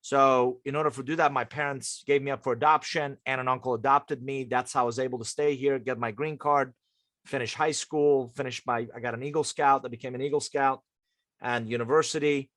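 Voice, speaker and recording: Appearing as an interview guest, a leadership coach in his fifties from Iran, whose native language is Persian, talks conversationally and with emphasis. He has a medium-pitched, fairly bright voice with a steady tone and a slightly fast pace, recorded with no echo.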